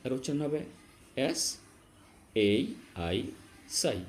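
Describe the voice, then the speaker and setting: A man teaching English vowel sounds to students, addressing them directly, slowly spelling out letters and repeating key sounds. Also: mid-range voice, sing-song, a little mellow, a little hiss or hum. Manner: slow, drawn-out spelling of letters. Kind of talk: classroom-style phonetics lesson.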